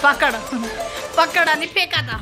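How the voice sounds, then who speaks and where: A woman's voice: high-pitched, slow, a crowd in the background. A woman filming a casual family vlog, coaxing and teasing a small child and scolding relatives in fun. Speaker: family vlogger. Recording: home video with loud music over it.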